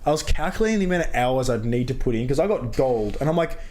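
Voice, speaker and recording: A young man in his twenties co-hosting a podcast, chatting in a loose, slangy way and quick to agree. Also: medium pitch, lively intonation, darkish tone. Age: 20s. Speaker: podcast co-host. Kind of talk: casual chat.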